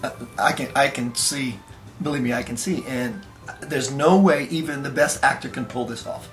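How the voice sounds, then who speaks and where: A man's voice: mid-range voice, moderate pace, roomy sound, faint music behind. A man earnestly telling a first-person story, with emphatic conviction.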